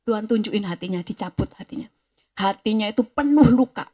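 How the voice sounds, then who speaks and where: A middle-aged woman pastor preaching a sermon, rising to loud emphasis and dropping to hushed asides. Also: mid-range voice, animated, fairly quick.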